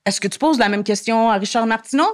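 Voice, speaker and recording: A woman's voice: fairly high pitch, fast. Woman guest, French speaker, earnest and argumentative, restarts often mid-sentence. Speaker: guest columnist. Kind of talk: podcast interview conversation.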